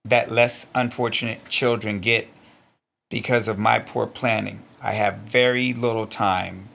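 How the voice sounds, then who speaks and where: A middle-aged man with a low voice and a gravelly, fry-laden edge talks bluntly and earnestly in an interview. He sounds emotional and close to tears, and he swears freely as he reflects on reading his old journal aloud. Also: steady tone, a little slow, fairly bright tone. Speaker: interview guest, stunt performer.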